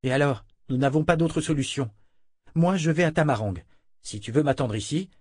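A calm, caring young woman traveling with friends, as a male narrator puts her on. The voice is lifted a little and softened, steady and earnest. The recording is dry and close. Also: on the high side, moderate pace, breathy edge, no room sound, voice pushed up.

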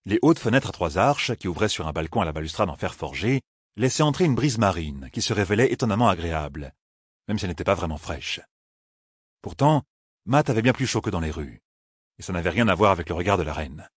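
Husky low-voiced man reading a story. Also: animated, no room sound, studio quality. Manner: measured storytelling, slowing for emphasis. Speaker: audiobook narrator. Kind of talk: scripted fantasy narration.

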